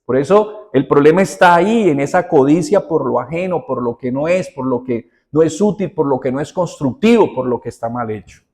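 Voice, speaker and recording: A male pastor preaches in a somewhat high voice. He talks to the congregation conversationally, full of rhetorical questions, and jumps from loud, stressed phrases to quiet, intimate asides. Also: expressive, fairly quick, hardly any pauses. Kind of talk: sermon.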